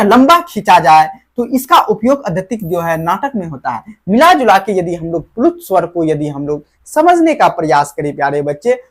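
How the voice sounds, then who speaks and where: A woman teaching a grammar lesson to school students, explaining slowly, drawing out example vowels and posing rhetorical questions to the "dear children". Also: mid-range voice. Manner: drags out example vowels when demonstrating.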